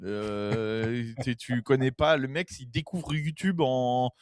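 Brief: man from France, casual and animated, repeats phrases, dry recording. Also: mid-range voice, slow pace, clean tone, no room sound. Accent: French. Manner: animated, emphatic, repeats himself, swears casually. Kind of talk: casual chat.

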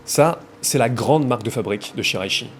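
A man's voice: mid-range voice, expressive, fairly quick, a bit bright, faint music behind. Wry, conversational man narrating. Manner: wry, conversational, with playful emphasis. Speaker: video essay host. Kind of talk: casual video essay narration.

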